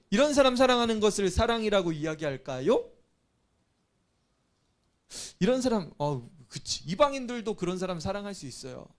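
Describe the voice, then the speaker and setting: A male pastor preaches to children, firing quick questions and echoing their replies. His voice sits high and swings widely in pitch, bright and animated as he teaches. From Korea. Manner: lively, calls out questions to children and repeats their answers. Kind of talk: children's sermon.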